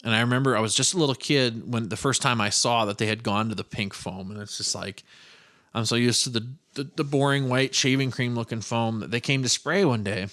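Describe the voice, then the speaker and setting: A man's voice: medium pitch, a little fast, a bit bright. A man from Iowa hosting his own podcast, telling a childhood story in a rambling, profane, self-mocking way. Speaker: podcast host. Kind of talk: casual storytelling monologue.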